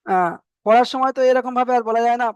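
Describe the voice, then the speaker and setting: Speaking fast and smoothly, a Bengali-accented Quran reading teacher with a fairly high voice explains Arabic letters in an online lesson, patient and methodical. He says each letter name repeatedly and stretches vowels to demonstrate length, over a close, dry, lo-fi recording with no room around it.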